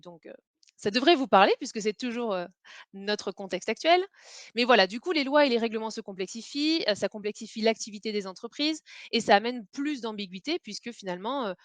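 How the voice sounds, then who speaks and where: A woman presenting a webinar on facilitation in a conversational, hesitant way, often pausing on filler sounds. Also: mid-range voice, no echo.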